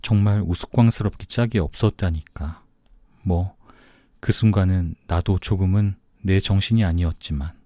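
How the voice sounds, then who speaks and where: A man voicing a soft-hearted, newly engaged young man in an audiobook, speaking gently and plaintively. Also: deep voice, no echo, clean studio sound.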